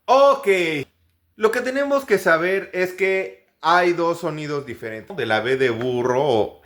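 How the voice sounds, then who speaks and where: A man's voice: high voice, fairly bright tone. A man from Mexico with a Mexican Spanish accent, giving a pronunciation lesson and repeating each practice word several times. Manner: slow, repeats words many times as drills. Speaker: English pronunciation teacher.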